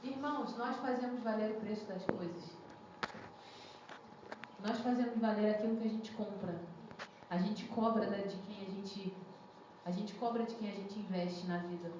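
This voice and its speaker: In an echoey church hall, a young woman preaches a chatty sermon, frequently asking the congregation questions. Her mid-range voice moves at normal speed with frequent pauses, and the recording is muffled and lo-fi with background noise.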